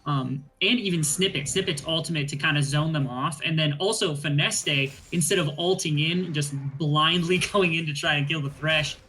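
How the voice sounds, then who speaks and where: A man's voice: fairly high pitch, normal speed, hardly any pauses, pushed and bright, slight background noise, poor audio. A man giving color commentary on an esports match, breaking down plays analytically with frequent ums and uhs.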